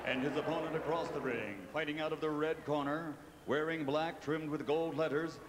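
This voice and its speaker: A man's voice: a little high, fairly even intonation, moderate pace. A man working as a boxing ring announcer, theatrical and showman-like, stretching out names in a grand fight-night delivery. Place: large indoor boxing arena. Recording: echoing arena PA with clear background noise.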